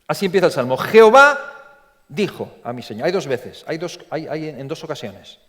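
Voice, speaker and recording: Animated preacher from in a big hall. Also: male voice, on the high side, a little fast. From Spain. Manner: animated, repeats words, acts out quotes in a story. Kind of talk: sermon. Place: large church. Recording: long reverb from a church hall.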